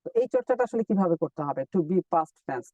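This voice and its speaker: Male English teacher, high voice, distant dull mic, dry sound; patient step-by-step drills. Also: big pitch swings, dark tone, dry recording. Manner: explains step by step, repeats drill words slowly. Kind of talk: live online lesson.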